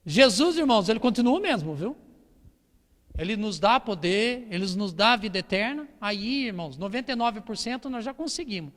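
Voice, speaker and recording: Preaching in a church hall during a service, this Brazilian Portuguese-accented man reads from the Bible and urges the congregation on through repeated lines and rhetorical questions. He sits high, with lively intonation, a fairly quick pace and a slightly bright tone, all wrapped in long hall reverb.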